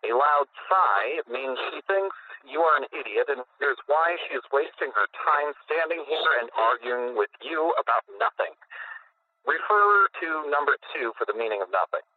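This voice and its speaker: A man's voice: a little high, expressive, normal speed. A man radio host reading out a comic list in a dry, explanatory way. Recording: tinny phone-like dry radio audio.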